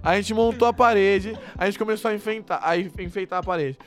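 A young man with a Brazilian Portuguese accent tells a story in a high-pitched, brisk voice. His talk is casual, lively and slangy, and he acts out the people he quotes.

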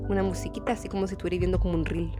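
A young woman with a Chilean accent telling a story in casual chat, animated and acting out the people she quotes. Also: very fast, faint music behind. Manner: animated, acts out quoted people in sudden high voices. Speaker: podcast co-host.

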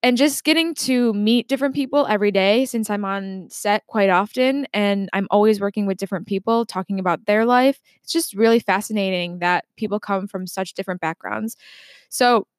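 A woman's voice: mid-range voice, moderate pace, no echo, clean studio sound. A woman in her twenties hosting a casual solo podcast, chatty and reflective, often restarting her sentences. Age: 20s. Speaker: podcast host. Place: home desk.

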